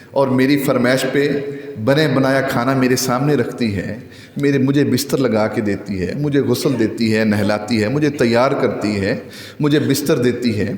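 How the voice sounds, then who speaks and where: A man giving a Friday sermon with great passion, his voice swinging widely in pitch and slowing down to recite scripture. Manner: impassioned, with wide swings in pitch. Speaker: preacher. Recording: echoey hall with long reverb.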